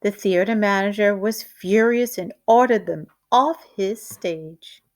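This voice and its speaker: Speaking at a medium pitch, she reads a picture book for children in a teacherly manner, taking her time and telling the story with plenty of expression.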